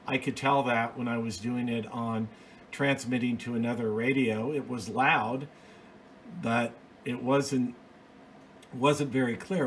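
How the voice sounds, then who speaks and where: A man with a mid-range voice gives an informal, hands-on explanation as a hobbyist video host, plain-spoken and methodical. He's recorded at home on an off-camera phone, with a little hiss or hum.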